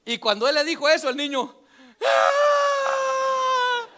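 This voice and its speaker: A man preaching a storytelling sermon in church, acting out quoted voices with shouts and laughs. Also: very high-pitched, fast talker, heavy background noise.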